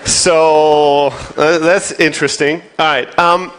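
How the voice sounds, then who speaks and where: This is a fairly high, fairly even voice from a German keynote speaker in his thirties, taking his time over a rough recording with a crowd audible behind him. His motivational talk is informal and profane, full of self-deprecating jokes and check-ins with his listeners.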